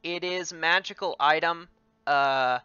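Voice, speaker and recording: A man running a tabletop game as game master, halting with many ums and restarts. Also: fairly high pitch, sharp tone, clean tone, dry recording. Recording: dry, muffled voice chat.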